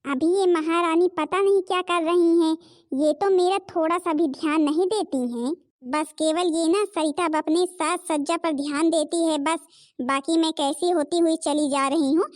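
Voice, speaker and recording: A woman voicing a spoiled, rude young stepsister in an animated cartoon, whiny and demanding. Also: high voice, dry recording, studio quality, close to an everyday voice.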